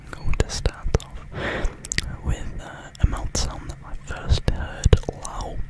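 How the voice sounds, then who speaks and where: A young man doing tingly ASMR mouth sounds, speaking in a breathy, soothing whisper and repeating phrases, very close to the microphone. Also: slow pace. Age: young adult. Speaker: ASMR creator. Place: small dim room, indoors. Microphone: close-up microphone with foam cover.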